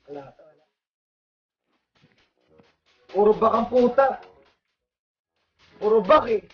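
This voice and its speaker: A man's voice: sits high, lively intonation, slow pace, husky, dull audio, soft background music. Man trash-talking in a game. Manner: taunting, swearing, impatient. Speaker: opposing game streamer. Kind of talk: trash-talking live gameplay banter.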